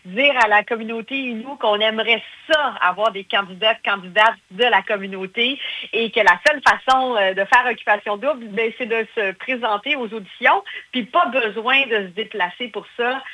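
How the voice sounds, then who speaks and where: Chatty Québécois woman with bright tone. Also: fairly high pitch, normal speed, dry recording, low-quality recording. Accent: Québécois French. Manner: chatty, hesitant with many fillers. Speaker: guest. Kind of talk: casual interview.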